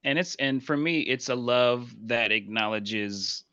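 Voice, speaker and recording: A man speaking as a podcast guest, earnest and reflective, often repeating affirmations softly. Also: medium pitch, a little slow, clear, resonant tone, no echo, lo-fi sound. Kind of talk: casual podcast conversation.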